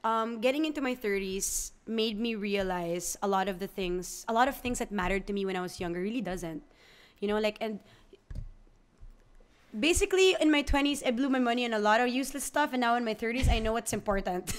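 Reflective woman in her thirties. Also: fairly high pitch. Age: 30s. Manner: reflective, halting, with restarts. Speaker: actress guest. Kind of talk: candid interview talk.

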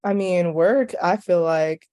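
An American woman talks casually as a podcast guest. Her tone is mellow and warm, pitched a little low. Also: slow pace. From California, United States. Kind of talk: casual chat.

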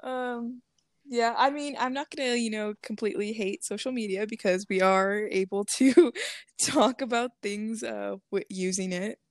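A woman's voice: medium pitch, fairly even intonation, a little slow, no echo, clean studio sound. A young woman co-hosting a podcast in casual chat, rambling with lots of fillers and frequent laughs. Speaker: podcast co-host.

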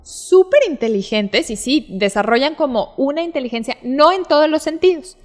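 A woman explaining child behavior in an animated talk show chat, acting out examples. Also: sits high, normal speed. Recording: long hall reverb.

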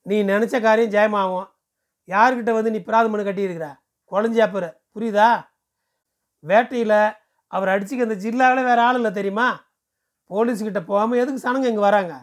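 Lightly acting, a man voices a pushy, smooth-talking temple ticket seller who lectures briskly and persuasively. His voice is high-pitched with a steady tone.

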